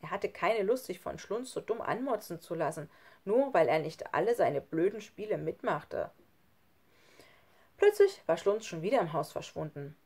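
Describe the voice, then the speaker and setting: Eine Frau, die ein Kinderhörbuch ausdrucksvoll vorliest. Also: female voice, lowish voice, normal speed, husky. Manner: expressive storytelling. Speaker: audiobook reader. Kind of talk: children's audiobook narration.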